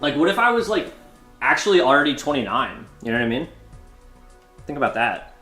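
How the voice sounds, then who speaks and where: A man's voice: medium pitch, sing-song, fairly quick, sharp tone. A man in his twenties streaming a card game, chatting loosely and jokingly with viewers while he plays. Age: 20s. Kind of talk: casual live-stream commentary. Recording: roomy echo, faint music behind.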